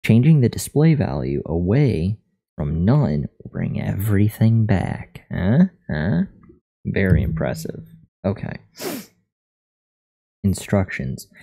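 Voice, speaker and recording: Deep gravelly male streamer. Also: sing-song, takes it slowly, pauses often, dark tone. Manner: reads lesson text aloud with joking asides. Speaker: streamer learning to code. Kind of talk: casual live-stream commentary.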